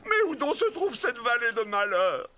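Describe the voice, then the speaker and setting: A man's voice: extremely high pitch, very animated, normal speed, bright, forceful tone, full character voice. A man playing a pompous, whiny, bossy pirate captain in a cartoon, with theatrical delivery. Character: bossy, whiny pirate captain who adores his mother. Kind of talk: cartoon voice acting.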